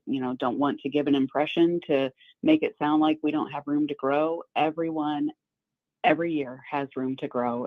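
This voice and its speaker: A woman's voice: low voice, no room sound. American woman on a tinny phone line. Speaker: school superintendent, interview guest. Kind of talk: conversational phone interview. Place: on the phone to a radio show.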